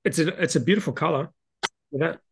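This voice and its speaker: A man's voice: a little high, fast talker, vocal fry, husky. A man with an Australian accent co-hosting a casual chat, blunt and sweary as he talks and tells stories. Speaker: beer show co-host.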